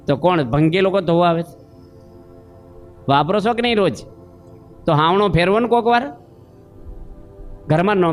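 A man preaching a sermon, telling homely stories and questioning his listeners. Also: high voice. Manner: storytelling with acted voices and questions to listeners.

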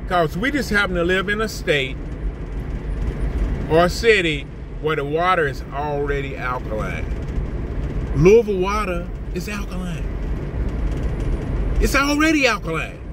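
Filming himself on a phone at arm's length from his parked car, an older man vlogs an indignant, animated rant, circling back to the same points again and again. His pace is a little slow, broken by long pauses, and his voice leaps higher when he's riled, over background noise.

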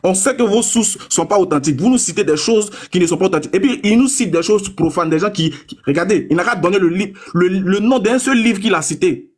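A young man argues in a combative live-stream debate, jeering at his rivals. His voice sits fairly high and has a slightly husky grain. When he quotes his source, he reads each phrase slowly and deliberately. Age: young adult. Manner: taunting, mocking opponents.

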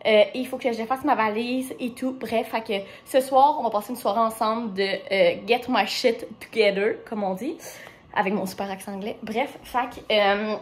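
A woman's voice: fairly high pitch, steady tone, moderate pace, roomy sound. A young woman with a Quebec French accent, chatting casually to her viewers as she vlogs her day and walks through a simple recipe. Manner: chatty, easygoing, talks straight to viewers. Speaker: vlogger. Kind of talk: casual vlog chat and cooking walkthrough. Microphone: camera on tripod.

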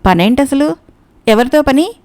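A woman's voice: sits high, animated, unhurried, a little mellow. A woman voicing an old, blind male eagle who guards the nest, speaking in a stern, suspicious, commanding way.

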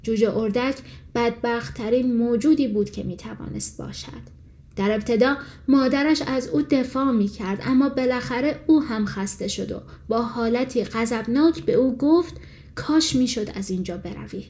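A woman reading a fairy tale as an audiobook narrator, in calm, measured storytelling. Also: on the high side.

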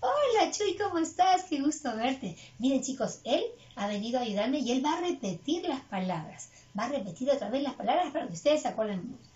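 A woman's voice: on the high side, animated, a little fast, a little mellow, dull audio. A woman teaching English to preschool children online, speaking patiently and coaxing them along. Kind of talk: online class for small children.

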